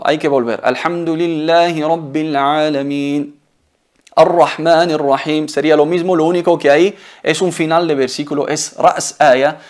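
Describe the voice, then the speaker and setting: Male TV teacher with a gravelly edge, patient and explanatory, drops in Arabic phrases. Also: mid-range voice. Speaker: Quran recitation teacher, show host. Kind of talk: televised religious lesson.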